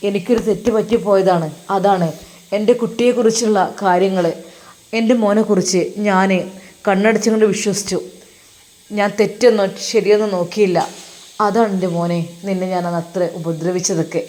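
A woman's voice: mid-range voice, fairly even intonation, moderate pace, warm tone, lightly acted. A woman doing a tender, coaxing old father. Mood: pleading. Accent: Malabar Malayalam.

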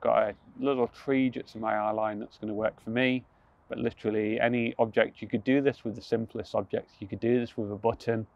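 A young man leading a guided mindfulness practice outdoors on a rooftop, speaking calmly, slowly and gently, with soft restarts. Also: mid-range voice, creaky, dry recording, lo-fi sound. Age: young adult. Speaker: mindfulness instructor.

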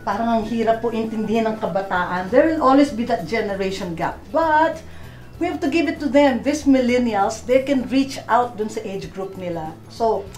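A woman's voice: a little high, normal speed, reverberant, soft background music. A middle-aged woman with a Filipino accent hosting a magazine show, switching between Tagalog and English. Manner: mixes Tagalog and English, lively. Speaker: host.

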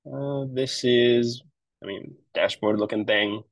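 A man's voice: mid-range voice, steady tone, slow pace, dry recording, rough recording. A man on a marketing web team giving a casual, explanatory screen-share walkthrough of a project he set up, with frequent fillers. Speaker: web developer.

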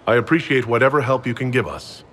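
An actor playing a composed, plain-spoken leader of an inquisition in a fantasy game. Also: male voice, mid-range voice, expressive, quick pace, fairly bright tone, breathy edge. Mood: polite. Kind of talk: cinematic fantasy game dialogue.

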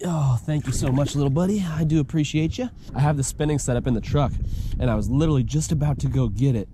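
He talks fast in a mid-range voice, an American fishing vlogger chatting casually with viewers in colloquial, folksy slang at a pond. The background is noisy, with music laid over what he says.

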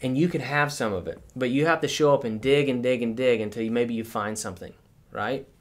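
A man's voice: medium pitch, fairly quick. A man as a podcast guest, explaining step by step with everyday examples in a casual conversation.

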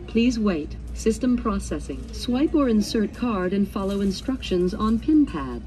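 A woman's voice: medium pitch, sing-song, measured pace, warm tone, faint music behind. Recorded woman's self-checkout announcement voice. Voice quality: polite, clipped prerecorded phrasing. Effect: self-checkout machine announcement from a store speaker. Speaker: automated checkout prompt. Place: store self-checkout lane.

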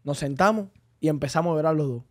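Cuban dude, high voice, telling stories and doing all the dialogue. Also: male voice, quick pace, dry recording, studio quality. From Cuba. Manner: animated storyteller acting out dialogue. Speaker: co-host. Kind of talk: casual conversation.

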